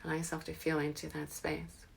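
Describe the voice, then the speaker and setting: A woman leads a slow guided meditation, her voice low and gravelly. She keeps her pitch even and soothing, often sinking into a breathy whisper. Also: a little hiss or hum.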